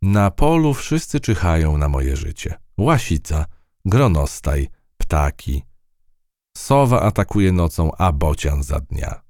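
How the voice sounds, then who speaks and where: A man's voice: rumbling low, big pitch swings, slow pace, a little mellow, no echo, clean studio sound, exaggerated voice. A man voicing a tough, one-eyed female field mouse in a storybook reading, brash and scolding. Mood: complaining.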